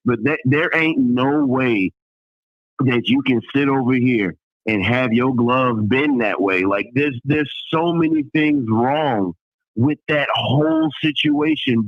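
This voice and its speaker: A man's voice: mid-range voice, lively intonation, slow pace, no echo. Male caller, drawl, emphatic slangy ranting with swearing, dry and very narrow phone sound. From Alabama, United States. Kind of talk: casual opinionated phone-in rant. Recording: tinny phone-line audio, radio-like.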